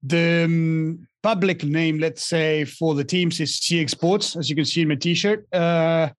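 A man's voice: on the high side, fairly even intonation, unhurried, no echo, clean studio sound. A young man from Argentina, a guest in a casual interview, speaking with many restarts and fillers. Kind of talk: casual interview over a call.

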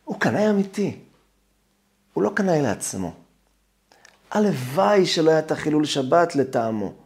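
A man, a rabbi, giving a sermon on the weekly Torah portion. He tells stories dramatically and acts out the quotes. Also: a little high. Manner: animated, dramatic storytelling with acted quotes.

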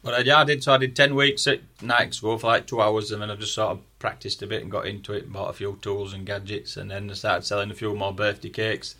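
Yorkshire man, rapid and chatty, bright lowish voice, rambling guest. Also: little pitch movement. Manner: chatty, rambling, with frequent restarts. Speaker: cake maker, guest. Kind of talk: casual chat.

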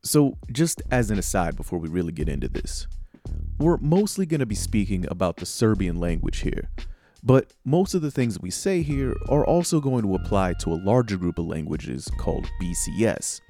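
A man's voice: lowish voice, sing-song, moderate pace, mellow, faint music behind. A man hosting and narrating a podcast in a conversational, scripted way. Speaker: podcast host and producer.

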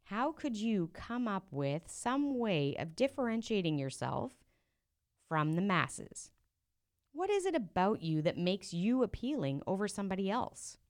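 A woman, a profit coach hosting her own solo podcast, speaks directly to listeners in an encouraging way, often posing rhetorical questions. Her mid-range voice is sing-song and a little slow.

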